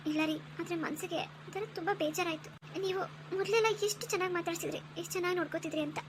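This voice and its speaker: A woman voicing a kind, pregnant young village wife in a cartoon story, speaking in a soft, caring, forgiving way. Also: very high-pitched, fairly even intonation, racing, noisy background. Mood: hurt.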